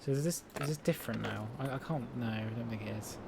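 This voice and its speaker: A man's voice: mid-range voice, fast talker, creaky, background noise. A man streaming a puzzle game, talking casually and rambling as he plays, often breaking off and restarting his sentences. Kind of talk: casual let's-play commentary. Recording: game music loud underneath. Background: loud game music.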